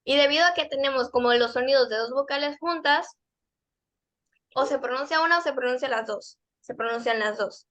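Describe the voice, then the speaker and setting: Woman teacher, high and bright, patient and methodical, models each word over and over for young students. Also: fairly quick. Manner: patient, explains step by step and repeats model words. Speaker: English teacher. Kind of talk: pronunciation lesson for kids and teens.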